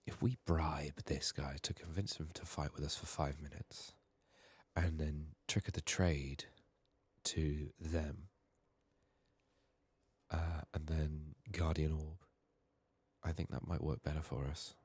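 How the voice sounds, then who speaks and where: Speaking slowly in a level tone, a very deep-voiced man narrates a game for his ASMR channel. The sound is slightly rough with no echo, and his soft, hushed voice occasionally drops to a whisper while he mutters his thoughts aloud.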